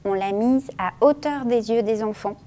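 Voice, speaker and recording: A woman guiding a children's museum tour, explaining clearly and kindly. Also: on the high side, normal speed, warm tone. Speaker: museum guide.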